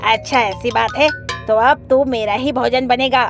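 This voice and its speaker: A woman's voice: a little high, steady tone, moderate pace, faint music behind, lightly acted. A woman voicing a hungry, menacing male eagle in a cartoon, cold and threatening.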